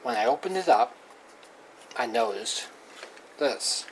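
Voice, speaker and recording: A hobbyist presenter demonstrates radio equipment in a casual, unscripted, hands-on way, his mid-range voice animated yet unhurried. He's plain-spoken and halting, repeating himself, and the amateur recording carries clearly audible noise.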